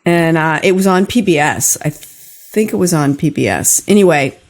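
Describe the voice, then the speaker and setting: Low-pitched and expressive, the older host's voice moves at an ordinary pace. On her podcast she tells personal stories conversationally, as though talking to each listener directly.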